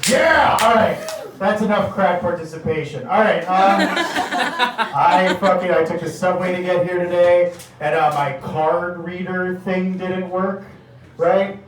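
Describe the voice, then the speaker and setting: A man's voice: high voice, unhurried. A man doing a nervous stand-up set in a small comedy bar, rambling and cursing with lots of fillers. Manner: rambling, profane, filler-heavy. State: nervous and sweaty. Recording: echoey club room from far off. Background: audience noise and laughter.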